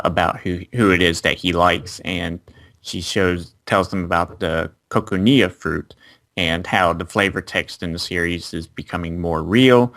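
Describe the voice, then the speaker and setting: Male co-host, deep voice, casual anime recap, lots of "uh" and restarts. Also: a bit bright. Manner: plot recap with fillers and restarts. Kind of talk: casual review chat.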